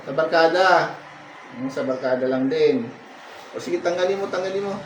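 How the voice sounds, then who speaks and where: A man's voice: on the high side, normal speed. A man working as a folk healer, chanting murmured prayers and firmly questioning a patient over and over during a healing ritual. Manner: commanding, repetitive interrogation, murmured incantations. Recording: roomy sound from far off, faint noise.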